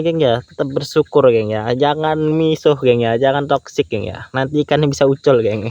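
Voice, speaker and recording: A man's voice: medium pitch, a little mellow, clean tone, no echo. Chatty young man, fishing outdoors. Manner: chatty, says "geng" after nearly every phrase. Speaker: fishing vlogger. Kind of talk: casual fishing vlog commentary. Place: outdoors by water in the countryside. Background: crickets and insects.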